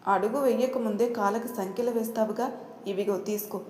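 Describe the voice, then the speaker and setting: A woman's voice: on the high side, steady tone, brisk, darkish tone, echoey room, slight background noise, natural voice. A woman voicing a kindly old ice cream vendor. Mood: fond. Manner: affectionate, fatherly. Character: elderly male ice cream cart vendor, fond and kindly.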